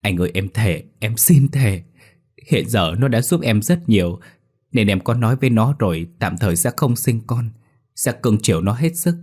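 A man reading a story aloud, voicing a distraught young wife who begs and pleads through tears in a husky voice. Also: lowish voice, lively intonation, normal speed, darkish tone. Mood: pleading, sobbing. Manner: begging, tearful, rising to cries.

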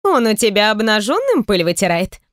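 A woman's voice: medium pitch, a little fast, dry recording, clean studio sound, close to an everyday voice. A woman voicing a chatty, nosy pregnant young friend who teases and pushes. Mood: teasing, excited. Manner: teasing, excitable, pushy. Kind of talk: audiobook character reading.

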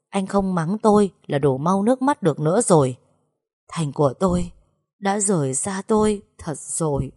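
A woman reading a first-person story aloud with steady emotional narration. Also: on the low side, no echo, studio quality. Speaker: audiobook narrator.

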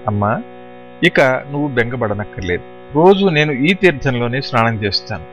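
A man narrating a storybook who gives a sharp-witted young boy his earnest, matter-of-fact replies. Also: medium pitch, animated, normal speed, faint music behind, natural voice. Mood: reassuring.

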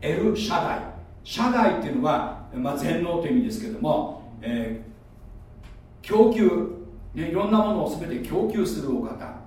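A man's voice: a little high, big pitch swings, moderate pace, a little mellow. A man preaching a sermon, explaining like a teacher and asking the audience questions. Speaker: pastor. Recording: echoey room, voice from far off.

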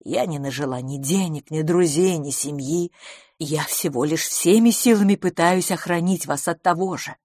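A timid middle-aged spinster, as a woman narrator puts her on pleads earnestly in a low, hushed voice. Her tone sits a little deep and is recorded close and dry. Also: normal speed, no room sound. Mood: pleading.

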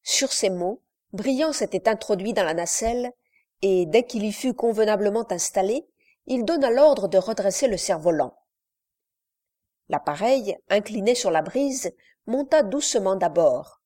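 A woman narrating a classic novel aloud in a measured, literary reading style. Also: medium pitch, animated, mellow. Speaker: audiobook narrator. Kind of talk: scripted narration.

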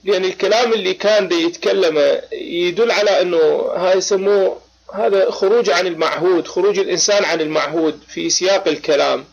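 This fast-talking Baghdad man has a high, husky voice with vocal fry and an Iraqi accent. Fighting a cold, he hosts a live religious debate chat, emphatic throughout and full of short affirmations, recorded as lo-fi online voice chat.

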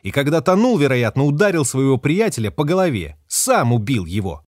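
A man's voice: mid-range voice, sing-song, brisk, dry recording, studio quality, voice pushed up. A man voicing a fierce, defiant young woman ship captain who talks sharply and curses. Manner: sharp, cursing, hissing. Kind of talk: audiobook character voice.

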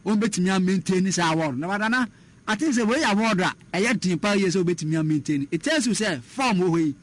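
A man discusses football in a radio sports chat, rattling along fast and restarting phrases as he goes. His voice sits a little high, and his talk slides between Twi and English. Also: expressive. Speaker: sports pundit.

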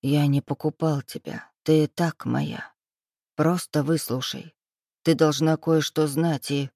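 An audiobook reader voicing a desperate man pleading with the woman he loves, in a low, urgent tone close to the reader's own voice. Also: normal speed, a little mellow, dry recording, close to an everyday voice.

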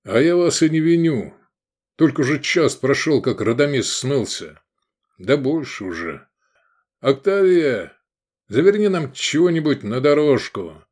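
A man voicing a gruff, hot-tempered male gladiator leader who barks commands. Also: mid-range voice, sing-song, normal speed, a little mellow, voice pushed up. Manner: barking, commanding.

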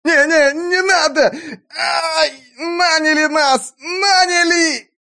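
A shrill, squealing voice of a lanky captured thug, stammering and sobbing as he begs for mercy. Pitched far above a normal male voice and dragged out slowly between whimpers. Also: steady tone, pushed and bright, full character voice. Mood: terrified, pleading. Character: lanky terrified male hired thug, captive. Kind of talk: audiobook character voice.

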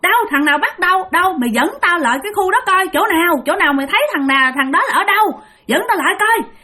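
A woman's voice: very high-pitched, lively intonation, quick pace, sharp tone, pitched above the performer's own voice, exaggerated voice. A woman voicing a brusque, protective uncle demanding answers in a spoken ghost story.

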